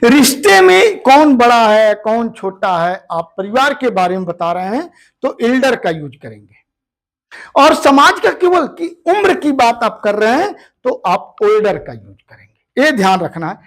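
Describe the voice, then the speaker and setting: A male teacher going through a grammar lesson at a slow, unhurried pace. His pitch moves up and down a lot as he stresses words and repeats them aloud for his students to practice. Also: very animated, vocal fry, a bit bright. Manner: explains step by step, addresses students as "beta".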